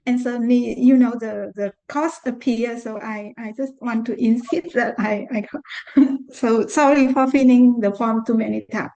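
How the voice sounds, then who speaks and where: A woman's voice: on the high side, fairly even intonation, moderate pace, a little mellow. A woman from Vietnam introducing herself as a student on a video call, hesitant and apologetic. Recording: dull lo-fi video call audio.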